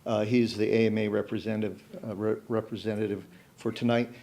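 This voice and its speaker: A man speaking off the cuff at a city commission meeting, halting and filling pauses with "uh" as he pitches a collaborative plan. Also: little pitch movement, dark tone. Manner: halting, many fillers and restarts. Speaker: club representative at public meeting. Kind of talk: unscripted public comment.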